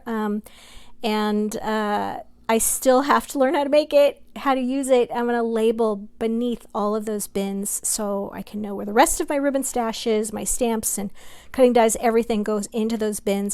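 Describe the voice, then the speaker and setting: A woman's voice: a little high, a little mellow, smooth. A middle-aged woman giving a casual, chatty makeover tour as a vlog host, enthusiastic and gushing to her viewers. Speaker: craft vlogger and host.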